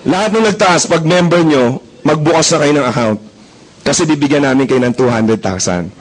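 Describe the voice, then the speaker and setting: A man's voice: a little high, normal speed, low-quality recording. A young man giving a joking sales presentation to a live audience, telling stories and asking the crowd questions. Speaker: marketing presenter.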